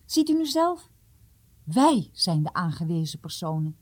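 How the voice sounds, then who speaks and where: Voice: mid-range voice, lively intonation, moderate pace, mellow, close to an everyday voice. A storyteller voicing an enthusiastic young man eager to set out.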